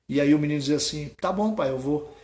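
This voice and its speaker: A man's voice: a little high, fast, darkish tone, roomy sound. A male pastor preaching a sermon, telling a parable and acting out the characters' lines before urging the congregation. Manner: retells a parable, acting out the boys' lines, then exhorts the congregation. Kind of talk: sermon with storytelling.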